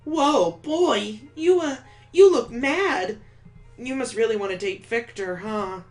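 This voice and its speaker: Guy doing a high drawn-out lovesick dude voice, clingy and dramatic, syrupy slow. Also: soft background music, full character voice. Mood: teasing. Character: sappy lovestruck young man, clingy and dramatic.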